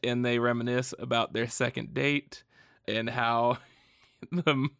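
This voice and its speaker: A man co-hosting a casual comic book discussion, animated and profane, laughing often. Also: mid-range voice, slow, gravelly, smooth, dry recording, clean studio sound. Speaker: podcast co-host.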